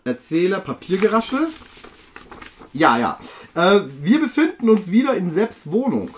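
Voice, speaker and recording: A man's voice: high-pitched, sing-song, a little slow. A man reading the narration and stage directions of an amateur radio play, stumbling now and then. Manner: reads cues aloud, stumbles and restarts.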